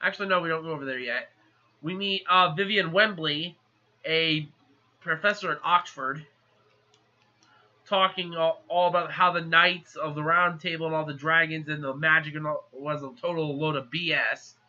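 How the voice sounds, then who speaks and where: A man giving a casual, rambling movie plot recap in a chatty, animated way. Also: fairly high pitch, moderate pace. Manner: chatty, animated, acts out characters. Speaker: movie reviewer. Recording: slightly muffled lo-fi recording.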